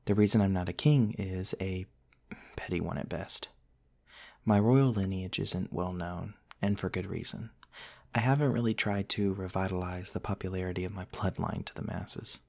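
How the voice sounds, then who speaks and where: Playing a courtly, gentle vampire prince who has lived for centuries, a man speaks tenderly and with hesitation and old-fashioned politeness in a soft ASMR roleplay. The low, creaky voice moves at a moderate pace, sounding modest and lightly amused.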